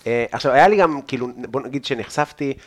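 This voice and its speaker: A man with an Israeli accent, a podcast host, chatting and telling anecdotes in an informal, slangy way. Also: medium pitch. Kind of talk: casual chat, anecdotal storytelling.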